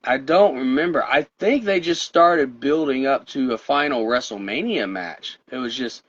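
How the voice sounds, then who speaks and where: A tired man whose voice is wearing out co-hosts a podcast, rambling through casual wrestling chat at a moderate pace in a mid-range voice. He laughs often, and the recording sounds dull and lo-fi.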